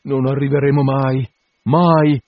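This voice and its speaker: A man's voice: a little high, expressive, unhurried, no echo, pitched above the performer's own voice. A man doing a hearty chuckling country curate. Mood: weary. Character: jovial country curate, middle-aged man, fond of hunting. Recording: dull, dry recording.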